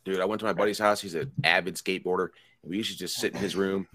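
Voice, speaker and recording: A deep-voiced man in his thirties talks in a loose, rambling way, with lots of swearing as he recalls old stories. His voice sits low and is recorded dry and close, with no room sound around it. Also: fairly even intonation, racing, sharp tone, no echo. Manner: rambling, profane, laid-back storytelling. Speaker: podcast co-host. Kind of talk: casual chat.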